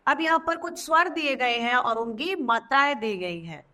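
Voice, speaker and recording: A woman's voice: sits high, lively intonation, normal speed, bright, forceful tone. A woman teacher explaining a children's grammar lesson patiently, repeating each example word twice.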